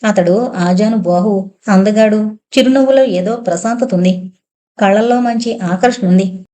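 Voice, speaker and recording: A woman's voice: medium pitch, a little slow, warm tone. A woman narrating a novel as an audiobook, reading steadily and evenly.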